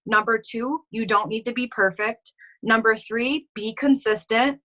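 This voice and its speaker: Bright, upbeat woman giving motivational tips. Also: on the high side, steady tone, a little slow, lo-fi sound. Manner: upbeat, informal, peppered with "like". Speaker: team coach giving tips. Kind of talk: motivational talk on a team call.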